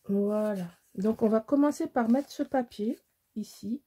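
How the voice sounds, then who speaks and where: Middle-aged woman from Alsace, dark husky voice, chatty self-mocking craft tutorial host. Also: fairly high pitch, unhurried. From Alsace, France. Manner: rambling, self-mocking, many restarts. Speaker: scrapbooking crafter. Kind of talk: casual crafting tutorial chat.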